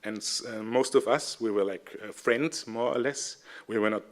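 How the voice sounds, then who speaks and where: Speaking at a moderate pace in a lowish voice, a young Austrian-accented man presents at a conference. He's a seminar speaker and civic educator, friendly but hesitant, leaning on many fillers.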